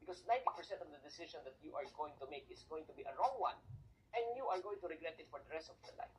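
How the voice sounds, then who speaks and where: Filipino accent, motivational talk, mixing tagalog and english, middle pitch, quiet hum behind. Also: animated, fast, rough recording. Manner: asks rhetorical questions and answers them; switches freely between Tagalog and English. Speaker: motivational speaker.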